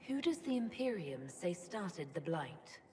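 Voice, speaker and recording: An actress playing a composed woman leader speaking calmly and measuredly in video game dialogue. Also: on the low side, a little slow, big-room sound, a little hiss or hum.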